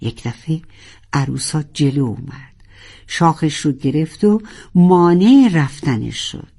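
A storyteller reading a children's sea adventure in an expressive, colloquial way. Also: medium pitch, gravelly, slightly rough.

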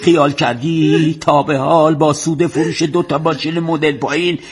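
A man's voice: a little high, fairly even intonation, breathy edge. An actor playing a stern older father who mocks and scolds his grown daughter. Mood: scolding. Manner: scolding, mocking. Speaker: family father. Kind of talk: TV drama acting.

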